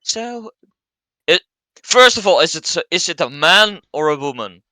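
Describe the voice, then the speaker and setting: A man's voice: high voice, very animated, unhurried, pushed and bright, no room sound, rough recording. A man with a Flemish accent playing in a tabletop game, stammering and repeating words. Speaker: player.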